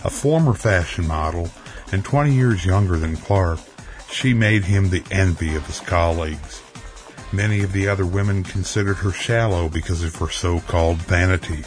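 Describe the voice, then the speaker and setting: A man narrating a dramatic story in a measured, even way, with faint music underneath. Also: low-pitched.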